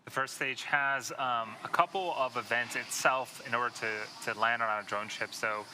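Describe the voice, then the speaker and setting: A man's voice: mid-range voice, steady tone, moderate pace, pushed and bright, a little hiss or hum, low-quality recording. A man giving live technical commentary as a launch webcast commentator, explaining each step.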